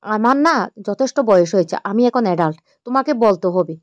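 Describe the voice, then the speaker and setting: A woman's voice: medium pitch, lively intonation, fast, a little mellow, dry recording, highs cut off, close to an everyday voice. A woman voicing a bold teenage girl who talks back in a demanding, cheeky way. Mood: defiant.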